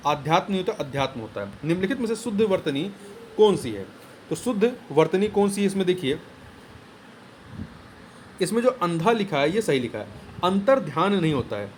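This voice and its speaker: A man's voice: high voice, a little hiss or hum. A man tutoring for an exam, going through the answers one by one and repeating each key word as he explains it. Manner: explains step by step, repeats key words, plain teaching tone.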